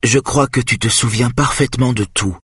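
A man reading aloud, lifting his voice to play a calm, gentle woman who speaks firmly. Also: mid-range voice, normal speed, husky, dry recording, voice pushed up. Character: calm gentle woman, firm, softly smiling.

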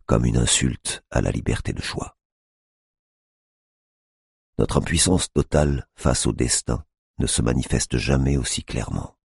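Very deep, gravelly male narrator. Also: unhurried, long pauses, dry recording, studio quality. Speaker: audiobook narrator. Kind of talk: scripted narration.

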